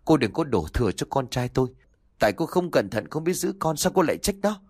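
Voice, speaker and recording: A man's voice: medium pitch, big pitch swings, brisk, no room sound, clean studio sound. A man voicing a cruel, domineering older mother-in-law in an audio story, with a harsh, scolding delivery. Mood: raging.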